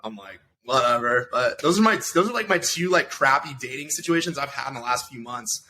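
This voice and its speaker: A man's voice: medium pitch, expressive, brisk, bright, forceful tone, slight background noise. A man in his thirties, a podcast guest telling stories in loose, profane, rambling casual chat full of fillers. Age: 30s.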